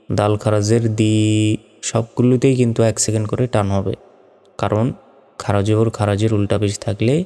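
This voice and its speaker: Slow, patient male Quran reading teacher. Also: lowish voice, mellow, big-room sound. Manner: patient, repeats each letter and vowel drill aloud. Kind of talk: slow step-by-step Arabic letter pronunciation lesson.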